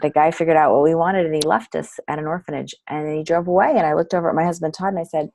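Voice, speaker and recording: Low, gravelly-voiced woman telling a story. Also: fairly even intonation, very fast, a little hiss or hum, rough recording. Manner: warm, earnest storyteller. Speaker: interview guest, nonprofit director. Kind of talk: storytelling in an interview.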